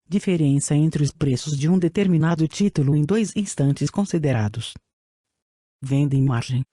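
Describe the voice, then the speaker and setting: A man's voice: on the high side, no echo, clean studio sound. A synthesized text-to-speech man's voice with a Brazilian accent, reading scripted reference material in a mechanical audiobook manner. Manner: mechanical, flat screen-reader delivery that reads punctuation aloud. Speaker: audiobook narrator.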